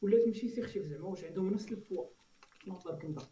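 A man's voice: high voice, very fast, dark tone. A man with a Moroccan accent asking questions in a casual tech discussion. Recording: very echoey room, distant mic.

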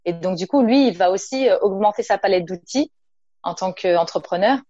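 A woman from Nice in the south of France, a naturopath and entrepreneur, chats casually in an interview with a mellow, mid-range voice at a moderate pace. She hesitates often, uses many fillers and speaks to the listener informally. The recording is dry and dull.

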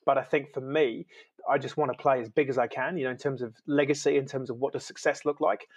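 A man's voice: mid-range voice, steady tone, fast talker, breathy edge. A man originally from the UK, a podcast guest in casual conversation, talking with enthusiasm and laughing often. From United Kingdom. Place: lives in New Zealand.

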